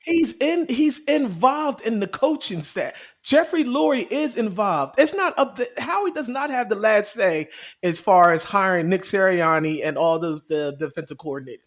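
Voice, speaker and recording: A man's voice: high-pitched, lively intonation, normal speed. A man co-hosting a sports podcast, arguing animatedly and repeating himself as he talks over the others. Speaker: podcast co-host. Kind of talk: casual sports debate.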